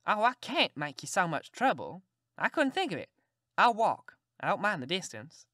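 A woman's voice: fairly low pitch, very animated, moderate pace, bright, forceful tone, no room sound, studio quality, heavily acted. A woman voicing Tom Sawyer, a cheeky Southern boy who talks in a polite, mock-innocent drawl.

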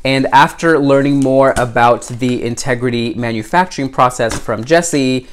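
A man's voice: medium pitch, normal speed. A man reviewing a collector doll in an unboxing vlog. He gushes, gasps and squeals, and chats directly to his viewers and to the doll's designer. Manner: gushing, exclamatory, frequent gasps and squeals.

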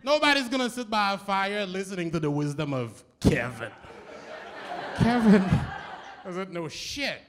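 A man's voice: high-pitched, normal speed, few pauses, fairly bright tone. A man with a Haitian accent, from Haiti, doing a live stand-up set with a punchy, wry delivery. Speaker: stand-up comedian. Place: live comedy show stage.

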